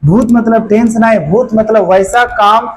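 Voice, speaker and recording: Guy teaching grammar in a classroom, high voice, keeps quizzing the kids and repeating stuff, a little background hum. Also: a little slow, poor audio. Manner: quizzes students with constant questions; colloquial, repetitive drilling.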